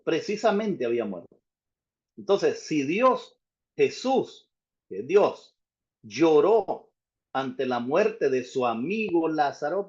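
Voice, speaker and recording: A pastor delivering a sermon in a fairly high man's voice. He presses his points with rhetorical questions and rising emphasis. The recording sounds dull and lo-fi. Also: a little mellow.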